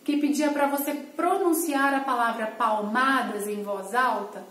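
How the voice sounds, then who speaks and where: High-pitched patient woman teacher, echoey room. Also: unhurried, a bit bright. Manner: clear, patient, explanatory, frequent "tá?" check-ins. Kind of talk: recorded online lesson for children.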